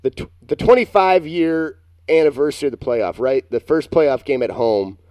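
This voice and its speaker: Dark-voiced man telling a rambling story. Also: fairly high pitch, normal speed, no echo. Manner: rambling, animated, self-mocking storyteller. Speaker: podcast co-host. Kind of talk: casual storytelling chat.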